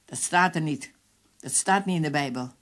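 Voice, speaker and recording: A woman's voice: deep voice, moderate pace, close to an everyday voice. A woman voicing a brutal male police captain who barks threats and orders. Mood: shouting. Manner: harsh, barking threats.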